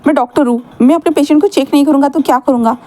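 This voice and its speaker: A woman's voice: high-pitched, very fast, dark tone, close to an everyday voice. A woman voicing a stern male doctor who firmly insists on examining his patient, in a storytelling reading. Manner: firm, matter-of-fact.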